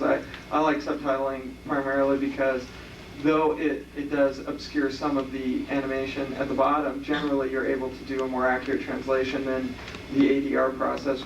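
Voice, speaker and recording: A man with a very flat, gravelly voice speaks haltingly and repeats his words on a convention panel. It comes from an old VHS camcorder tape that sounds dull and echoey, from far off in the hall. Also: mid-range voice, a little hiss or hum. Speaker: company representative on a convention panel. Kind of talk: panel talk. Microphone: distant camcorder mic.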